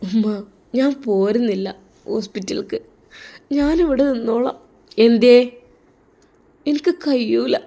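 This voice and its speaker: A woman voicing a frightened young married woman who is crying, pleading softly and brokenly in a Malappuram Malayalam accent, in an audio drama. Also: a little high, a little slow, long pauses. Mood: tearful. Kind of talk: audio drama role-play.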